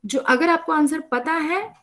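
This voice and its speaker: A woman's voice: high-pitched, a little slow, fairly bright tone. A woman teacher lecturing a college class over a video call, explaining patiently and often checking in with her students.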